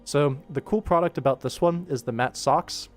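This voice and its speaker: Over soft background music, a man with a fairly high voice speaks at a moderate pace while hosting a casual animation work stream. The animator talks informally to his viewers, narrating and explaining what he's doing with sound-effect words.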